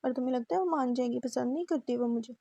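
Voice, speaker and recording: A man's voice: very high-pitched, quick pace, vocal fry, mellow, no echo, full character voice. A woman voicing a brusque, stubborn young man who talks in curt, insistent lines, read from a novel. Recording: dull muffled recording.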